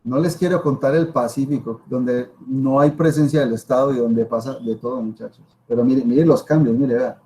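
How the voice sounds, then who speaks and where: A man's voice: mid-range voice, fairly even intonation, normal speed, hardly any pauses, dark tone, rough recording. A man with a Colombian accent giving an informal lecture as a professor, emphatic, repeating himself and asking rhetorical questions. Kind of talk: informal spoken lecture to students.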